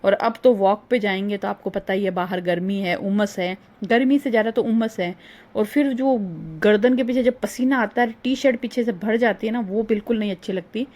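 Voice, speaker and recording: A middle-aged woman chatting through a casual vlog voice-over, rambling and homely, her voice a little hoarse. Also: mid-range voice, fairly even intonation, normal speed, darkish tone. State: slightly hoarse. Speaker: vlogger. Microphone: phone.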